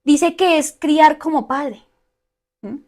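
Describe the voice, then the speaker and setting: A woman teaching a Bible study, often checking in with her listeners and listing word meanings slowly. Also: high-pitched, darkish tone. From Colombia.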